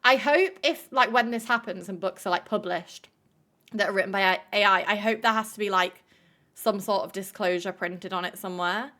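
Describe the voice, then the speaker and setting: Pushed and bright, this medium-pitched woman talks at a normal speed while hosting a live stream. She chats loosely with viewers, packs her speech with "like," and curses without hesitation.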